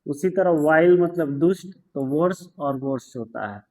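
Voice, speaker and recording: A man teaching English grammar in a patient lesson, repeating words, spelling them out and telling students to pause and take notes. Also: fairly high pitch, darkish tone, rough recording. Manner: tells students to pause the video and write notes. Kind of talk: slow explanatory grammar lesson.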